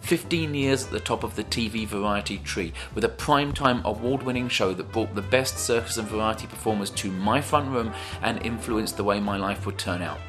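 A man's voice: on the low side, a little fast, hardly any pauses. A man hosting a podcast with scripted narration, presenting as a performer himself. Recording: music behind the voice.

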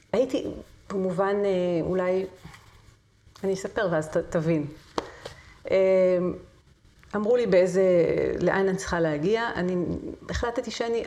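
A woman's voice: on the low side, a little mellow. A middle-aged woman, a singer and voice teacher, telling her story as an interview guest, vivid and with hesitant fillers. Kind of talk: conversational interview.

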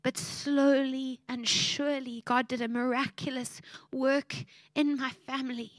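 High-voiced woman preaching. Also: dry recording. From South Africa. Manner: heartfelt, emotional storytelling. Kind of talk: sermon.

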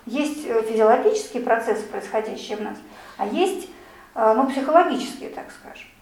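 In an echoey room, heard from far off, a woman lectures and takes audience questions, explaining things conversationally with many fillers. Her voice is fairly high, expressive, fairly quick and a little mellow.

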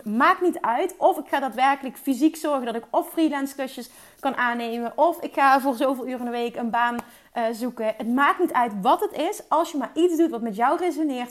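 Woman, high voice, energetic solo business-coach podcaster. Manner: energetic, mixes English words into Dutch, emphatic repetition. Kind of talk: solo motivational podcast talk.

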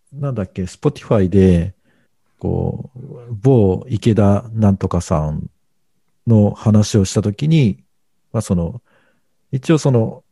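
A man's voice: fairly low pitch, gravelly, mellow, no room sound. A middle-aged man co-hosting a casual podcast, talking in a hesitant, rambling way full of fillers. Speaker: podcast co-host.

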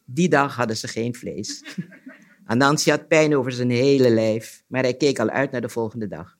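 A man telling a folk tale as a guest on a talk show, narrating in a lively, expressive way. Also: mid-range voice, moderate pace. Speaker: storyteller guest. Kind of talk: storytelling on a radio show.

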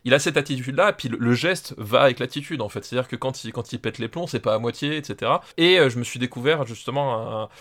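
French guy gushing on a podcast, lots of euh and repeats, mid-pitched voice. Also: fast, hardly any pauses, fairly bright tone. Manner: enthusiastic, stammering, many fillers and repeats. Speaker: podcast guest. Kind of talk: casual podcast chat.

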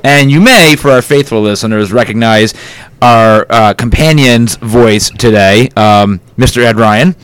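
A man's voice: medium pitch, a little slow, clear, resonant tone, no echo. A man hosting a podcast in a studio, talking in a wry, teasing way. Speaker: podcast co-host. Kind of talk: casual chat.

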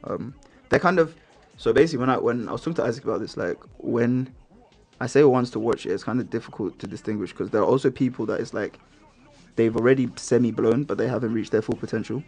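A man's voice: mid-range voice, fast talker, a little mellow, breathy edge. A young man chatting casually in slang, with a laddish, rambling, bantering manner, as host of a music podcast. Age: young adult.

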